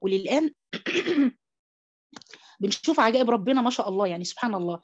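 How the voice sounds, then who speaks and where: A woman's voice: a little high, expressive, quick pace, breathy edge, dull audio. A woman with an Egyptian Arabic accent teaching tajweed in an online class, mixing English and Arabic and coaxing students with questions. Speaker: Quran recitation teacher. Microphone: computer mic on an online call.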